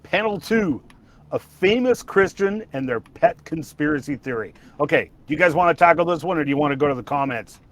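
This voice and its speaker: A man's voice: a little high, expressive, fairly quick, a bit bright. A man hosting a casual livestream chat, rambling with restarts and laughter. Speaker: livestream host.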